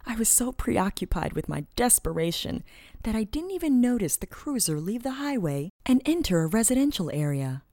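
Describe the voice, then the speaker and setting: A woman narrating a first-person story in a dramatic, expressive reading, often dropping into a hushed whisper mid-sentence. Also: fairly high pitch, normal speed, no room sound, clean studio sound.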